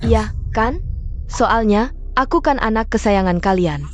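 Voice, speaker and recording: A scheming young daughter speaks in a slightly high, sugary, coaxing tone that curdles into cold mockery. Faint music plays under the dubbed drama. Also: female voice, expressive, measured pace. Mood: cold mocking. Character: scheming adopted daughter, young woman, falsely sweet. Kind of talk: dubbed mini-drama acting.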